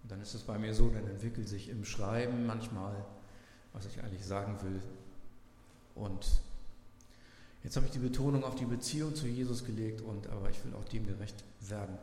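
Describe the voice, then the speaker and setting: A man preaching a sermon as pastor, earnest, slowing down to stress scripture he reads aloud. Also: on the low side, fairly even intonation, dark tone, a little hiss or hum. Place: church. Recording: echoey church hall with faint ambience.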